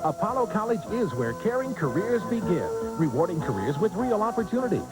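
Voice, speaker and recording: A man's voice: high-pitched, very animated, brisk, poor audio. A man reading a scripted commercial for a college as its announcer. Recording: loud music bed under voice.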